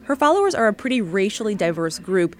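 A woman reporter giving measured, scripted narration for a radio feature story. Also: medium pitch, sing-song, faint music behind.

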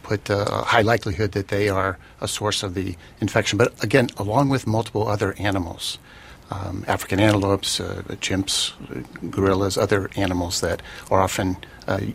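A man answering as an expert guest on a radio show, explaining in a halting, careful flow. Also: fairly low pitch, fairly even intonation, gravelly, a little hiss or hum.

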